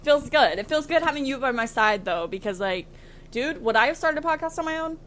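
A young woman co-hosting a casual podcast, animated and teasing, laughing often. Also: sits high, fairly quick, slight background noise. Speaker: podcast co-host. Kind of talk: casual chat. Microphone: built-in mic, before her new one arrives.

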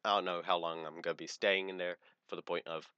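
A man's voice: low voice, little pitch movement, fast talker, sharp tone, clear, resonant tone, no room sound, dull audio. A young man co-hosting a casual chat show, brash and crude, laughing often as he tells stories. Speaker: podcast co-host.

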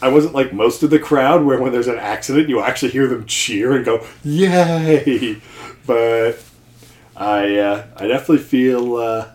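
A man's voice: mid-range voice, a little mellow. A man chatting casually as a guest, his delivery dry and self-deprecating, often circling back to restart a thought. His voice sits mid-range, and the room around him rings with a noticeable echo. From New Jersey. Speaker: podcast guest, seminary student and accountant. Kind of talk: casual chat. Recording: echoey room.

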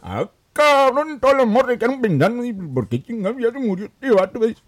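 A man's voice: very high-pitched, big pitch swings, fairly quick, no echo, full character voice. A man voicing Don Machín, a crude, joking Mexican character with a Mexican accent who tells rambling, foul-mouthed stories. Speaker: comic guest character.

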